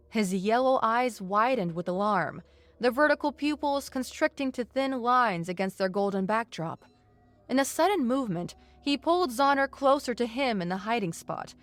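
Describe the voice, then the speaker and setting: Woman narrating a sci-fi story. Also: a little high. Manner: measured descriptive storytelling. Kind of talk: scripted narration.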